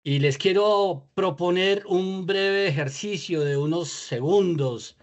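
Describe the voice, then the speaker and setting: A man leading a spoken prayer over a video call, slow and measured, pausing between phrases. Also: high-pitched. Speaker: prayer leader.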